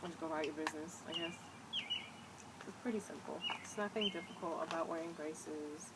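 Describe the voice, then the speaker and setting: A woman's voice: low-pitched, fairly quick. A young woman with a slight whistle on her s sounds, chatting casually and rambling hesitantly to camera. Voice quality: slightly whistling s from new braces. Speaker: vlogger. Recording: loud background noise, amateur home recording.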